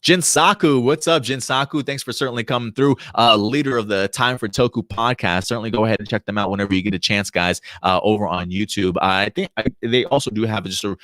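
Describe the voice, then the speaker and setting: Here a late-thirties podcast co-host talks fast and barely pauses, his lowish voice fairly bright on a dry recording. Chatty on a casual livestream, he works through viewer comments, stumbling with fillers and restarts.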